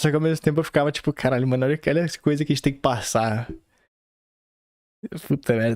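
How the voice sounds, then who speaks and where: A man's voice: on the high side, no room sound, studio quality. A man with a Brazilian accent, hosting a podcast and telling a personal story in a rambling, slangy way full of fillers and acted-out dialogue. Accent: Brazilian Portuguese. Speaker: podcast host. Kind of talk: casual storytelling.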